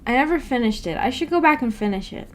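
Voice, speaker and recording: Animated and fast, a woman with a fairly high voice chats with her viewers during a book club livestream, reading their comments aloud and responding. She rambles and self-corrects from an upstairs room in her home, and there's slight background noise.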